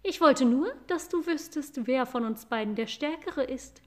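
A sly, spiteful house cat from a storybook, as a woman reads her. She speaks slowly with smug, purring menace, a bit higher than the reader's usual voice. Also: animated.

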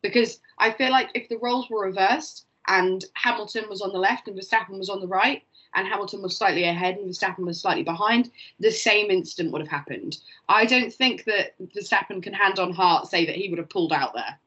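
A woman co-hosting a casual podcast, jokey and quick to laugh. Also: mid-range voice, bright, forceful tone, slightly rough. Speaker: podcast co-host. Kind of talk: casual chat. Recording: dull lo-fi podcast audio.

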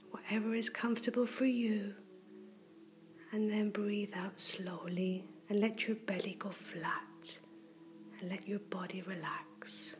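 A woman in a soft whisper, slowly and gently guiding a breathing meditation. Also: medium pitch. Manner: slow, gentle and soothing. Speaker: meditation guide.

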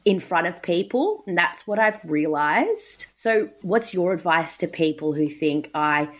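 A woman from Australia hosts a podcast interview with a chatty, enthusiastic manner. Her voice sits very low for a woman. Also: sing-song, a little slow. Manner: enthusiastic, chatty, laughs often. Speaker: podcast host.

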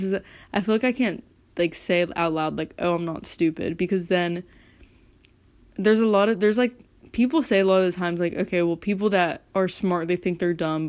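A woman's voice: on the low side, a little mellow. A teenage girl venting in a casual monologue, rambling with lots of "like" and swearing freely. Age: teens. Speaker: high school student.

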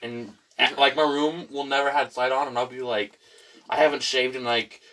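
A man's voice: mid-range voice, steady tone, moderate pace, fairly bright tone. Goofy young guy just chatting, silly voices here and there, kinda far from the mic. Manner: goofy, jokey, breaks into silly voices and sound effects. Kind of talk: casual chat.

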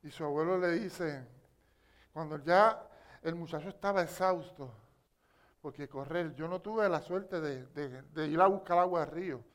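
High-voiced Puerto Rican preacher. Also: male voice, measured pace. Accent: Puerto Rican Spanish. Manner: storytelling, with call-and-response asides to the congregation. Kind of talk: sermon.

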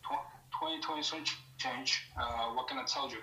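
A middle-aged man from Mexico, a podcast guest telling his story in a relaxed way with loose grammar. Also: medium pitch, moderate pace, roomy sound, low-quality recording. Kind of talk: casual podcast interview.

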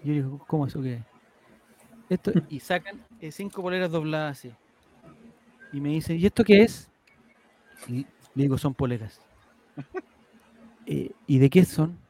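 A man's voice: a little high, normal speed, pauses often, dark tone. A man, telling a story as a podcast host in a rambling way, with restarts and laughs. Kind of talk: casual storytelling to co-hosts.

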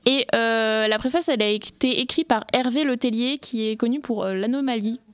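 A woman's voice: a little high, moderate pace, clear, resonant tone, no room sound. A woman co-hosting a pop culture podcast, recommending a book in casual chat, enthusiastic and playful. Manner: enthusiastic, playful, laughs often. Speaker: podcast co-host, literature segment.

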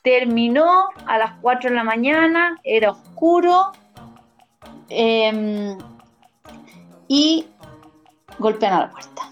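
A young woman with a Chilean accent casually retelling a story to a friend, animated and full of slang, laughing often. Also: fairly high pitch, takes it slowly, pauses often. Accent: Chilean Spanish. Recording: muffled lo-fi with faint music.

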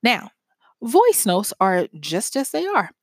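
A woman's voice: medium pitch, wildly swooping pitch, slow pace, no room sound, clean studio sound. A woman hosting a talk show, explaining to her audience in a chatty, loose way, with fillers, restarts and frequent laughs. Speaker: podcast host. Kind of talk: casual commentary to an audience.

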